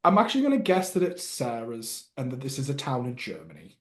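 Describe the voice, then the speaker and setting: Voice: medium pitch, huge pitch swings, fast talker. A host running a casual panel guessing game, joking, giggling and stammering as they think aloud.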